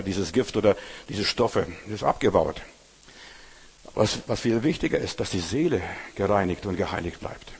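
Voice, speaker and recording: A man preaches with insistent emphasis, hammering home his points through repetition and asking his listeners direct questions. His voice is husky and mid-pitched. The sound rings with the long reverb of a large hall. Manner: emphatic, repeats phrases for stress. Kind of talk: sermon.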